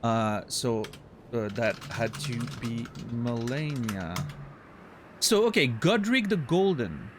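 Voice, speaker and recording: This French-accented streamer, a native French speaker, is very animated yet takes his time, his voice medium in pitch and the background noisy. He offers casual gameplay commentary, musing aloud and firing back at chat with mock indignation.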